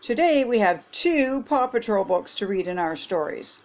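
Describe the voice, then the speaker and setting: An older woman hosting her own show, reading a children's picture book aloud in a gentle, animated way. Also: medium pitch, normal speed. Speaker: storybook reader.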